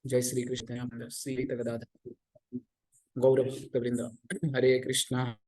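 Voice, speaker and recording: A man chanting slow prayers over an online call, his audio breaking up and cutting out. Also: mid-range voice, completely flat delivery, darkish tone. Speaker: spiritual course instructor. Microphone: online video call.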